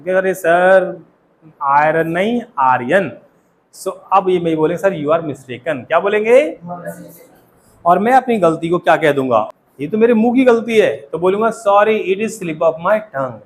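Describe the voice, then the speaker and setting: A man with an Indian accent teaching English to a class. He says model phrases slowly and keeps asking the students questions. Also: high voice, animated, slight background noise. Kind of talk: classroom lesson.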